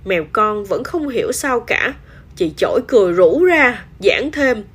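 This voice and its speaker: A woman storyteller reading a children's story aloud in an expressive, animated way. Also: fairly high pitch, a little slow, breathy edge.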